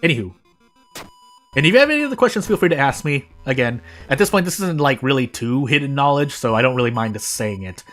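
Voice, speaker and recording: An animated American man with a medium, slightly bright voice talks at a quick pace while live-streaming a game. Music plays in the background as his casual commentary rambles and he repeatedly corrects himself.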